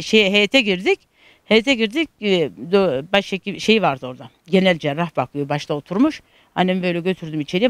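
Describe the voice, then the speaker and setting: A middle-aged Turkish woman, a caregiving daughter, recounts her struggles to a news interviewer, telling her story in an aggrieved, repetitive way packed with reported speech. She has a mid-range voice, and there is no room sound.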